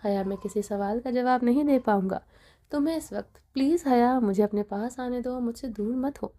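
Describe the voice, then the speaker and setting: A woman's voice: on the high side, mellow, natural voice. A woman voicing a grown mafia leader who pleads emotionally with his wife, in an audio novel reading. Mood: pleading.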